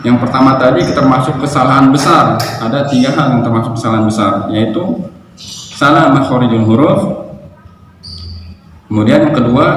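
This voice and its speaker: Man teaching in a very echoey hall. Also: medium pitch. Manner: explains step by step, models recitation slowly and chants examples. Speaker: Quran recitation teacher. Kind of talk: religious lesson on Quran reading errors. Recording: very echoey hall with audible noise.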